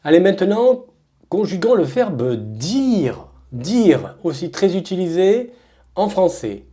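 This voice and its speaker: A woman with a French accent teaching verb conjugations as a drill, saying each form slowly and emphatically and repeating it. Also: fairly low pitch, sing-song, dark tone, soft background music.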